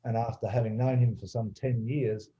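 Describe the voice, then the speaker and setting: A man hosting a webinar, introducing guests in a halting way with many fillers and restarts. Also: medium pitch, steady tone, dark tone. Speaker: webinar host. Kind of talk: webinar presentation. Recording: slightly dull video call audio.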